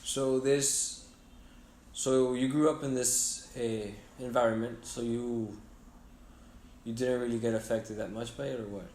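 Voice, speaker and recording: A man's voice: medium pitch, fairly even intonation, measured pace, a little mellow, a little hiss or hum. A man interviewing a student, asking probing questions and often rephrasing or prompting answers. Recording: echoey room.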